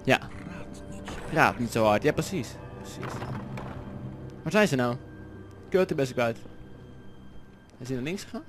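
A man's voice: mid-range voice, expressive, unhurried, pauses often, music in the background. A man from the Netherlands with a Dutch accent, doing jokey let's-play commentary, chatty and swearing often. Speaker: gaming commentator.

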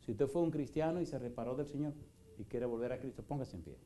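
A middle-aged man preaching a fervent sermon in a church. His voice is warm and mellow, at a mid pitch, and it swings from loud, questioning exhortation to a quiet, pleading call. He talks straight to the congregation. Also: lively intonation, fast talker, a little hiss or hum. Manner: impassioned, rhetorical questions, shifts from loud preaching to soft pleading. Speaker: pastor. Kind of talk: evangelistic sermon with altar call. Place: church in Houston, Texas.

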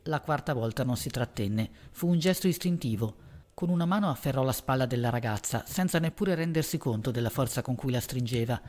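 A man narrating a novel as an audiobook in a measured, even reading voice. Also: medium pitch.

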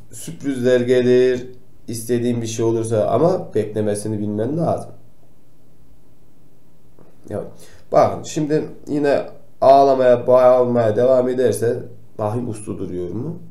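A man playing a kindly old grandpa doctor who gently tells noisy children to stay quiet, in a comic role-play for kids. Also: mid-range voice, natural voice. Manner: gentle, admonishing, talks straight to the kids. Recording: roomy echo.

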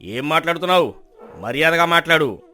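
An actor playing an arrogant village landlord who mocks others with dismissive questions. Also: male voice, fairly high pitch, animated, normal speed, bright, forceful tone. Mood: scornful. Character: arrogant middle-aged landlord, scornful and haughty. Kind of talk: storybook drama acting.

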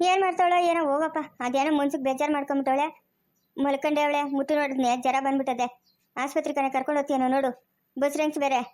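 A woman's voice: fairly even intonation, darkish tone, natural voice. A woman playing a quarrelsome, jealous village housewife who rants and curses nonstop in a comedy skit, with a rural Chikkaballapur Kannada accent. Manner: shrill, rapid, nonstop ranting and cursing. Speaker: actor in a family comedy skit.

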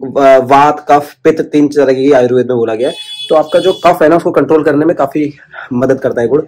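A man's voice: medium pitch, steady tone, a little fast, a little mellow. A man chatting casually to the camera in a home vlog, sharing tips and calling his viewers brother. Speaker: vlogger. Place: at home, indoors.

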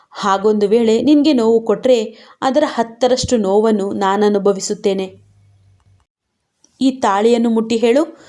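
A woman's voice: mid-range voice, warm tone, lightly acted. A woman voicing a remorseful young husband who tenderly begs his wife to come back. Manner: tender, coaxing.

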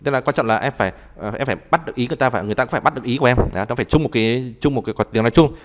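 A man teaching a live online language class, talking haltingly and repeating words as he types and explains. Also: medium pitch. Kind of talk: live online tutoring session.

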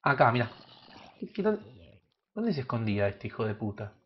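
A man with an Argentine Spanish accent giving crude, joking gameplay commentary that bursts into loud shouts. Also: mid-range voice, very animated, normal speed, husky, highs cut off. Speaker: gaming youtuber.

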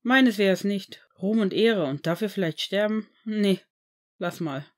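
A shy teenage boy wizard, read by a woman in a fan-made audiobook. He speaks in a hesitant, halting way and sounds a little embarrassed. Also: medium pitch, natural voice.

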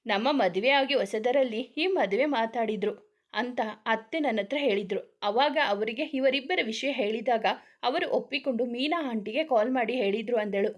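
A woman reads a serialized romance story aloud. Her voice sits somewhat high for a woman. She speaks every character's lines in much the same voice as her narration. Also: moderate pace.

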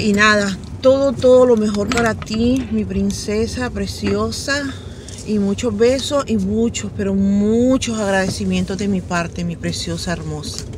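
A middle-aged woman vlogger telling stories to camera in a chatty, animated way, laughing often and acting out quoted voices in a high pitch. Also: background noise. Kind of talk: casual storytelling to camera.

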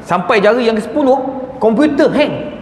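A man with a Malaysian Malay accent giving a lecture in a large hall, telling animated stories and acting out the people in them. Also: very high-pitched, moderate pace, noisy background. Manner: animated anecdotes, acts out quoted voices. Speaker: religious lecturer. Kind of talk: mosque lecture with storytelling. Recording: echoey hall with faint ambience.

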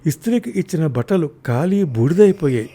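A man narrating a first-person audio story, raising his voice loudly in the angry husband's lines. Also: a little high, big pitch swings, brisk.

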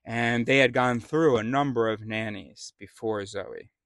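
A man's voice: medium pitch, a little slow, a bit bright, no room sound. A man in a casual spoken monologue, rambling and often stopping to restart his sentences. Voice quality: rambling, self-interrupting.

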